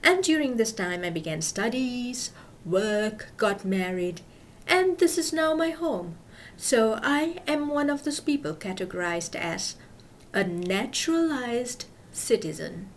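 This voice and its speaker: A woman from Malaysia, giving scripted voice-over narration in a measured, explanatory way. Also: on the high side, sing-song, a little hiss or hum, poor audio. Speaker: video narrator.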